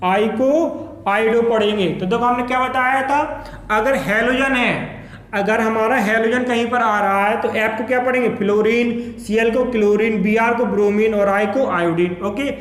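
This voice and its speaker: A man's voice: high voice, roomy sound. A male chemistry teacher giving a classroom lecture who repeats each term and keeps asking his students to say it back. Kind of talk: classroom lecture with call-and-response questions.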